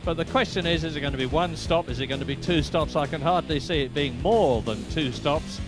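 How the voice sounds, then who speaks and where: A man giving brisk, informative live motor racing commentary from a commentary box. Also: a little high, over music. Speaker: lead race commentator. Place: commentary box at a race circuit.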